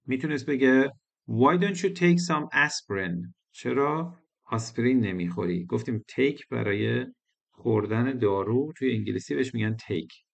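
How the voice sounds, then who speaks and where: A man's voice: medium pitch, lively intonation, vocal fry. A male English teacher explaining a lesson patiently, repeating phrases and switching between languages.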